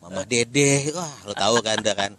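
A man's voice: on the low side, normal speed, a bit bright. A man with a Jakarta accent hosting a casual podcast chat in informal, joking Jakarta slang. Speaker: podcast host. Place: coffee shop.

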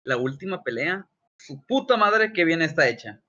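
A young man, co-hosting a casual podcast chat, slangy and full of swearing and animated asides. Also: on the high side, normal speed. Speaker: podcast co-host. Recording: dull lo-fi sound.

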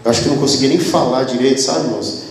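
A man preaching a sermon with a Brazilian Portuguese accent, telling the story dramatically and moving between hushed and loud delivery while calling out to the congregation. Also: mid-range voice, rapid-fire, slight background noise. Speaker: pastor. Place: church hall. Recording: very echoey church hall with faint music.

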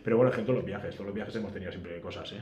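A man, a podcast guest telling a travel story in a casual, animated way and acting out the dialogue. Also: sits low, rapid-fire, soft background music. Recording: roomy echo, faint background noise.

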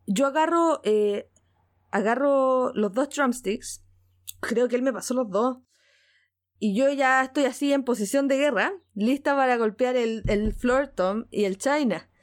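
Mujer de voz algo aguda, acento chileno, relato casual entusiasta y repetitivo. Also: female voice, high-pitched, a little slow. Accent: Chilean Spanish. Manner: excited, repeats words, laughs often. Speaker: guest. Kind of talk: casual storytelling.

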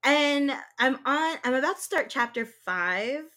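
A woman's voice: sits high, lively intonation, measured pace, pushed and bright. A woman from Georgia co-hosting a podcast, chatting casually and animatedly about TV shows and books, often laughing. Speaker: podcast co-host. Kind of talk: casual chat.

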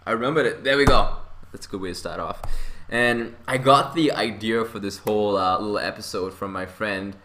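A young man hosts a casual podcast about investing. His voice sits a little low but comes across bright and forceful. He rambles from point to point and keeps chuckling as he goes. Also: fairly quick, hardly any pauses, a little hiss or hum. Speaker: podcast host.

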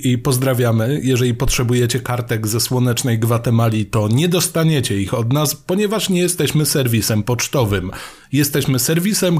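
A man's voice: medium pitch, darkish tone. Joking man co-hosting a film podcast. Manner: playful, joking, meandering with frequent fillers. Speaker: podcast co-host. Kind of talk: casual film podcast chat.

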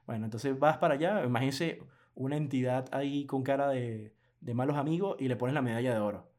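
A man co-hosting a casual podcast chat, animated and laughing often, acting out quoted clients in lively bursts. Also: mid-range voice, fairly quick. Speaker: podcast co-host.

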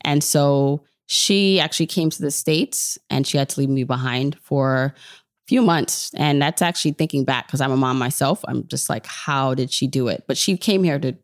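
In a clean studio recording without room sound, a woman with an extremely low-pitched voice talks at a moderate pace. The personal finance podcaster, in her 30s, was born in Jamaica and grew up in New York. As an interview guest she tells relaxed, chatty stories full of quoted self-talk.

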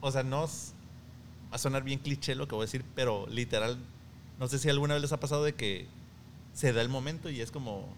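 Young man, Mexican accent, slangy, candid, storytelling, mid-pitched, faint background noise. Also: fairly quick. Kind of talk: casual chat.

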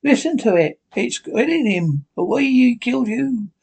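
A man's voice: very high voice, lively intonation, moderate pace, gravelly, a little mellow, slightly rough, pitched above the performer's own voice, heavily acted. A man voicing a vengeful, crazed young woman. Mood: crazed, exultant. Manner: obsessive, repeats herself. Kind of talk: melodramatic horror radio play reading.

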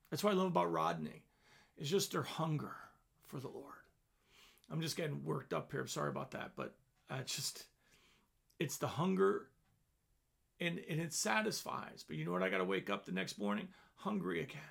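A man with a deeply gravelly, crackling voice talks earnestly about faith on a podcast. He sits a bit higher than most men, repeats himself as feeling builds, and sinks into hushed, breathy prayer. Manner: earnest, emotional, repeats phrases; drops to soft, breathy prayer. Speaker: minister on a podcast. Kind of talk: devotional podcast talk.

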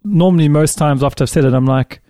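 A man's voice: on the high side, fast, dry recording, clean studio sound. A man co-hosting a comedy podcast, running a quiz and telling stories with frequent giggles. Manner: giggly, animated storyteller. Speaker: podcast co-host and quiz master. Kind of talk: casual comedic banter.

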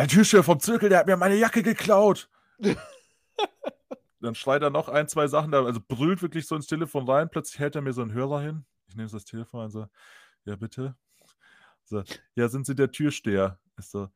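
A man's voice: mid-range voice, no echo, studio quality. A man telling an anecdote in casual podcast chat. He talks animatedly, laughs often and acts out the people he quotes. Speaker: podcast host.

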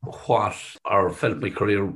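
A middle-aged man with a thick West of Ireland accent, answering interview questions modestly and haltingly, often circling back to rephrase. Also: lowish voice, a bit bright, husky. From Sligo, west of Ireland. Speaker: company chief executive being interviewed.

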